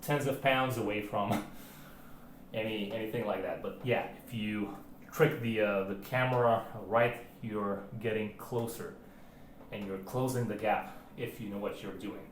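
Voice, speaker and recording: Guy rambling slow through his home workout vlog, uh-filled, echoey room. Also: lowish voice, steady tone. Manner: rambling, many fillers and restarts. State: out of breath. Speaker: arm wrestling vlogger. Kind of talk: casual filmed chat. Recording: roomy home recording, faint background hiss.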